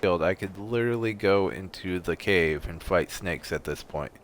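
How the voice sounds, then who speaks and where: Low-voiced guy muttering sarcastic game commentary, faint hiss behind. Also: moderate pace. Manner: sarcastic, talks to himself and the game. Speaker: gaming streamer. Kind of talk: casual gameplay commentary.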